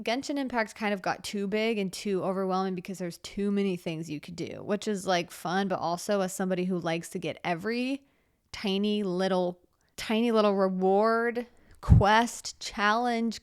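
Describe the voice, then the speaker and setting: Chatty young woman podcaster, smooth voice. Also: medium pitch, no echo, clean studio sound. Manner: chatty, rambling, with many fillers and restarts. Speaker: podcast host. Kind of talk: casual solo podcast chat.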